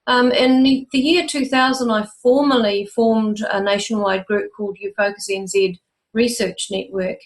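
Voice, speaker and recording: Older New Zealand woman, interview guest, measured and informative, mid-pitched. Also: steady tone. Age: 60s. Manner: measured, informative, with frequent ums. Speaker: guest, UFO researcher. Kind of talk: interview answers.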